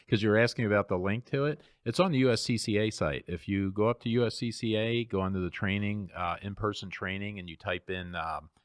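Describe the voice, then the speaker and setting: A man's voice: lowish voice, fairly quick, smooth, no room sound, studio quality. A man who teaches firearms classes, explaining his course in an easygoing way with plenty of ums on a talk radio show. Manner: easygoing, explains with many fillers. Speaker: firearms instructor. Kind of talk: casual talk radio chat.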